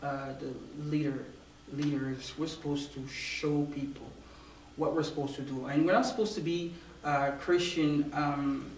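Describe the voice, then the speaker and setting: Soft-spoken hesitant male guest. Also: a little high, steady tone, measured pace. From born in Romania, raised in Africa. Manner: hesitant, repeats words while thinking. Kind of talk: casual interview chat. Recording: roomy, distant mic, faint noise.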